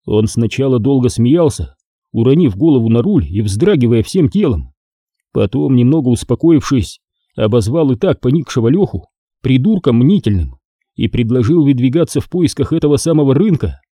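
A man narrating an audiobook in an expressive, lively storytelling manner. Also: medium pitch, moderate pace, no room sound, clean studio sound.

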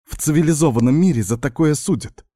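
A man's voice: on the high side, fast talker, mellow, no echo, studio quality, voice pushed up, close to an everyday voice. Man voicing a snappy defiant woman doctor. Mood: indignant. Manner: snappy, indignant retorts. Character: sharp-tongued young woman doctor, defiant. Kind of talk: audiobook dialogue reading.

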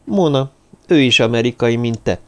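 A man's voice: mid-range voice, lively intonation, a bit bright, pitched above the performer's own voice, close to an everyday voice. A man voicing a superstitious, anxious male tavern keeper in an audiobook. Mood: uneasy.

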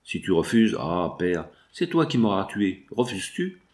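A man's voice: sits low, very animated, normal speed, darkish tone. A man reading aloud and voicing a frail young woman in love who pleads tearfully with her father. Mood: despairing. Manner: tearful, imploring.

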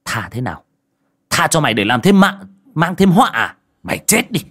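A fierce young widow, voiced by a male storyteller, snaps out threats in a raised, piercing voice. Her pitch climbs sharply as she scolds, and she is relentless and menacing toward the man before her. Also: big pitch swings, moderate pace, a bit bright, husky, full character voice. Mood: furious.

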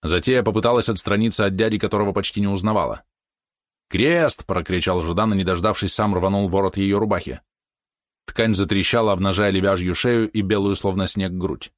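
A man reading a historical novel aloud as audiobook narrator, measured and steady. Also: low voice, dry recording, clean studio sound.

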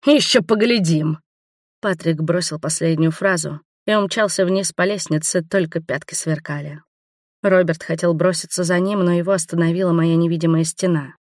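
Low-voiced woman narrating a fantasy audiobook. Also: normal speed, no room sound, studio quality. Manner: lively, expressive storytelling.

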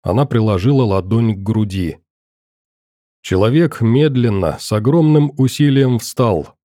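Male audiobook narrator, calm and measured, mellow dark tone, dry close-mic studio sound. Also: fairly low pitch, no echo.

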